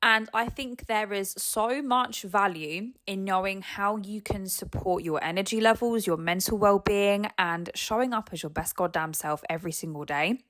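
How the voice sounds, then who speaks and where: A woman's voice: mid-range voice, fairly bright tone. Female solo podcast host, mid-range voice, casual and frank, cheeky with emphatic delivery and free swearing. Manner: candid, cheeky, swears freely. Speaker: podcast host and nutritionist fitness coach.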